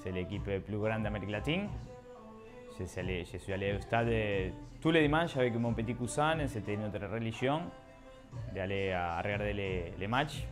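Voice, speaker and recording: A man from Argentina with an Argentine Spanish accent, a restaurant owner speaking earnest, slightly halting French in a recorded testimony. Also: on the low side, music in the background.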